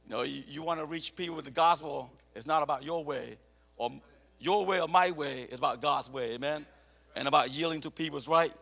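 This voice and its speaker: High-pitched gravelly man preaching. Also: fairly quick. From born in Cambodia, raised in America. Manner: animated, repeats words and restarts, tells personal stories. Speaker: missionary preacher. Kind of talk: sermon. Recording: echoey hall reverb.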